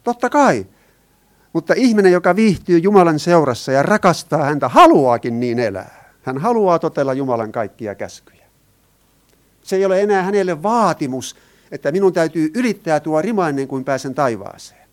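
A man's voice: a little high, sing-song. A man preaching a sermon. He talks in an earnest way, asks his listeners questions and explains Greek words.

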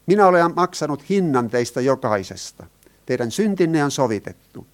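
A man preaching a sermon to a congregation, earnest and explanatory. His voice sits at an ordinary middle pitch. He often turns to his listeners with questions. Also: big pitch swings.

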